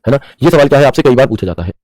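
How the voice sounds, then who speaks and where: Fast-talking man teaching with quizzing repeats. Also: mid-range voice, lively intonation, darkish tone, dry recording, rough recording. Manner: repeats questions to the class and answers them; mixes English terms into Hindi, calls students bhaiya. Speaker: computer teacher. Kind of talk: screen-share tutorial lesson.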